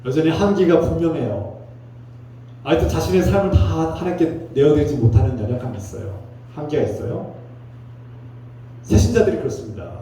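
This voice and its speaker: A middle-aged male pastor gives an earnest, conversational sermon in a fairly high but dark, mellow voice. He is recorded from far off in a church hall that rings with a long, heavy echo. A faint hum sits under his voice. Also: expressive, a little fast, pauses often. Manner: earnest, conversational preaching that slips into heated quoted voices. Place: church sanctuary during Sunday worship.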